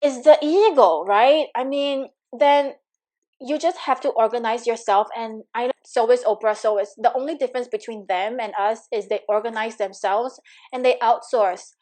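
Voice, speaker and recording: A money coach with a Singaporean accent leads a live coaching webinar, her voice somewhat high with a darkish tone and a normal speed. Chatty and encouraging, she uses lots of fillers and greets viewers by reading their comments aloud.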